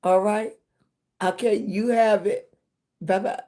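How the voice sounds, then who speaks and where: A woman's voice: mid-range voice, fairly even intonation, slow, warm tone. An American woman hosting a motivational livestream chat, affectionate and encouraging, speaking emphatically with frequent checking tags and pet names for her viewers. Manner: affectionate, encouraging, addressing viewers as baby and sweetie. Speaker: livestream host and content creator.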